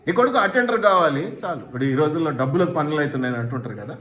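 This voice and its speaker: A man's voice: fairly high pitch, expressive, rapid-fire, a bit bright. Man preaching in echoey church. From India. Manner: rhetorical questions, quotes imagined speakers. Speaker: pastor. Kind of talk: sermon. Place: church hall.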